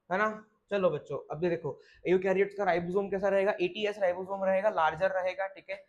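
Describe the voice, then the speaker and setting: A man's voice: high voice, highs cut off. A young male biology teacher, giving a step-by-step lecture to students, asking questions and answering them himself. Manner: explains step by step, asks and answers questions aloud, frequent "theek hai". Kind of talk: classroom lecture.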